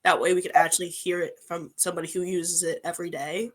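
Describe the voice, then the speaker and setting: Casting note: twenties woman host, slightly low pitch, chatty and animated in casual conversation. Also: fast talker. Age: 20s. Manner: chatty, frequent "like" fillers, lively when quoting others. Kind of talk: casual interview chat.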